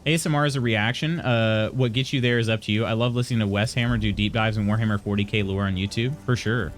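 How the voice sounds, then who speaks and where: This young streamer's voice is lowish and his tone steady as he works through chat messages. He replies casually but haltingly, frequently restarting what he says.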